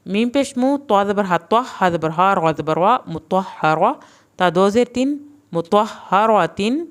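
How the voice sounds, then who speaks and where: A woman teaching Quran reading in a recorded lesson, spelling out syllables slowly and blending them, with quicker plain explanations of the rules in between. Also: medium pitch, expressive.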